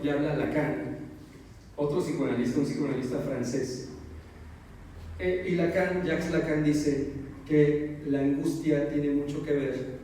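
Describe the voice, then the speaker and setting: A man's voice: on the high side, warm tone, a little hiss or hum. A man giving a psychotherapy lecture, explaining ideas patiently and checking in with his listeners. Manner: explanatory, repeats key phrases and checks in with "¿no?". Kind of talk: public lecture. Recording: echoey hall, voice from far off.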